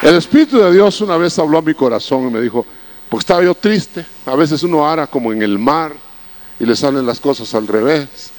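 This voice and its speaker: A man's voice: on the high side, lively intonation, fairly quick, a little mellow, a faint crowd, a little hiss or hum. A male preacher telling folksy personal stories in a sermon, often calling his listeners brother. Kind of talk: sermon storytelling.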